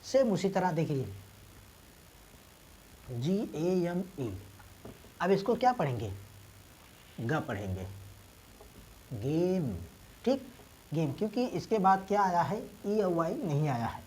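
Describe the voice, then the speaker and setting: A woman teacher who is unwell and coughs now and then, explaining reading rules step by step, spelling letters out slowly and asking and answering her own questions. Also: lowish voice, sing-song, warm tone, a little hiss or hum, low-quality recording. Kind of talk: English reading lesson taught in Hindi.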